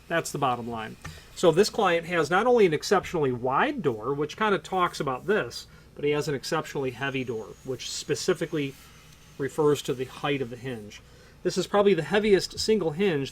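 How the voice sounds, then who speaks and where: A man with a somewhat raised pitch talks through door hardware unscripted. His explanations wander, restart mid-sentence and lean on fillers as he thinks aloud. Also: a little hiss or hum. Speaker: hardware product presenter.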